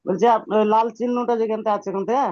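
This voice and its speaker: A man reciting letters haltingly as a student in an online class, on a choppy connection. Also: high voice, fairly even intonation, darkish tone, no echo. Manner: halting, unsure between letters. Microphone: video call. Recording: dull choppy online call audio.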